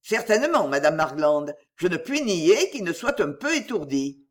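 A blunt older gentleman makes stiffly polite remarks, as a reader puts him on. The tone stays close to the narration, lively and somewhat husky. It is an audiobook reading of a classic novel. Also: medium pitch, normal speed.

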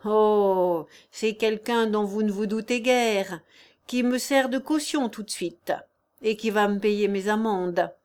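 A woman's voice: medium pitch, takes it slowly, darkish tone, smooth, close to an everyday voice. A woman reading the part of an old, proud, hearty peasant carpenter man in an audiobook, in an emphatic, exclamatory manner.

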